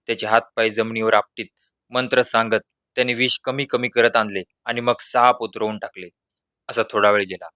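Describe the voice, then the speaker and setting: A man narrating a humorous village story in a measured, lively reading. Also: fairly low pitch, dry recording, studio quality.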